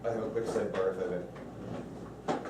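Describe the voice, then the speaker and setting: A man's voice: deep voice, steady tone, normal speed. A man speaking as a board trustee in a meeting discussion in an echoey room. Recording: echoey meeting room, distant mic, background noise.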